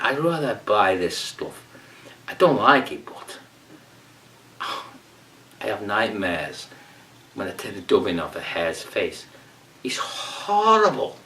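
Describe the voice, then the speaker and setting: Far from the mic, a man with a slightly bright mid-range voice hosts a comic fly tying tutorial. His character is a rambling Brazilian amateur, delivered with a put-on accent, broken English and whispered, muttered asides.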